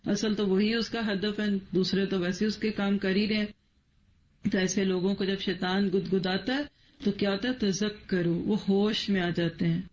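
A man giving a Quran commentary lecture, reciting verses in Arabic and then explaining them slowly. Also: high-pitched, steady tone, highs cut off, a little hiss or hum. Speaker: Quran teacher.

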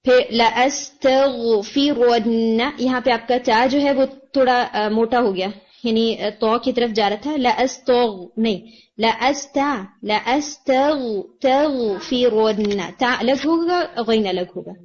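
A woman teaching Quran recitation online, patiently correcting a student and slowly modelling each word over a video call. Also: fairly high pitch. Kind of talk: online tajweed lesson, giving feedback. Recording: dull lo-fi call audio.

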